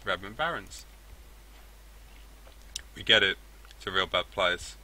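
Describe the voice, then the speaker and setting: A man playing through a story game, reading the text aloud and breaking off into rambling asides. His voice is on the lower side, with a sharp, tense brightness. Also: lively intonation, slow pace. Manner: rambling, self-correcting asides. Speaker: let's play host. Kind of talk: game playthrough, reading and commentary.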